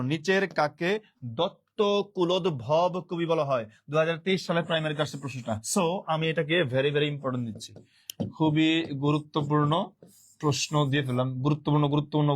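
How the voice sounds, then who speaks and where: A male teacher leading a live online exam-prep class, who repeats key words and reads viewers' comments aloud while dropping English words into his speech. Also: a little high.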